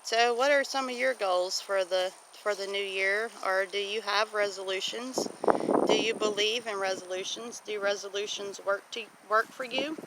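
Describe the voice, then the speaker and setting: Walking outdoors, a woman with a Southern US accent keeps up casual, folksy chatter for her homestead vlog, her mid-range voice fairly even in intonation at a moderate pace. Her camera microphone catches breezy wind and ambient noise.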